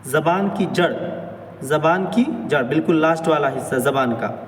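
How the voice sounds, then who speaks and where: A man teaching a pronunciation lesson on Arabic letters, drawing out each sound slowly and carefully. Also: fairly high pitch. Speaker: Quran recitation teacher. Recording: echoey hall, mic at a distance, faint noise.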